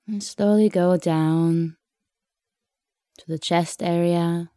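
Soft, slow, mellow woman guiding meditation. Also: fairly low pitch, fairly even intonation, no echo, studio quality. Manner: soft, soothing, unhurried with long pauses. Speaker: meditation guide. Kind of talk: guided meditation narration.

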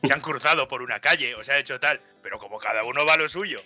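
Very bright man telling stories. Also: mid-range voice, fast talker, soft background music. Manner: animated storytelling, blunt slang. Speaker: game master guest. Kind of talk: casual podcast chat.

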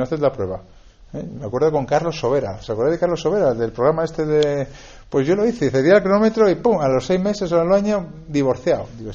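A priest from gives a homily in a chatty, conversational way, often tagging his sentences with questions and stumbling over repeated words. His voice is dark and husky. The recording is dull and lo-fi. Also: mid-range voice.

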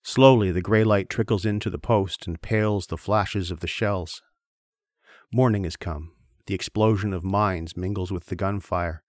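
A man with a very low voice reads a war novel aloud for his podcast. His delivery is measured and grave, and it slows on tense passages. The sound is dry and close. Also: fairly even intonation, no echo. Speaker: podcast host reading aloud. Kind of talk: solemn literary reading.

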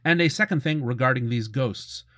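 A middle-aged man with a medium-pitched voice hosts a cartoon retrospective, talking at normal speed in a pushed, bright tone. His commentary is casual and informative with a fan's chatty enthusiasm, recorded as a close, dry, studio-quality voice-over.

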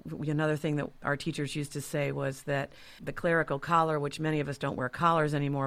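An earnest woman hosts a podcast conversation. She speaks reflectively and steadily, often adding small murmurs of agreement. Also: deep voice. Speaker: podcast host.

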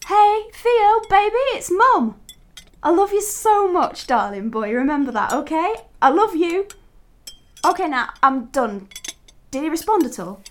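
British female, acting, tender homesick mother for audio drama; animated, fairly high voice. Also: moderate pace. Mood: joyful, tearful. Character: homesick, tender mother working far from her family.

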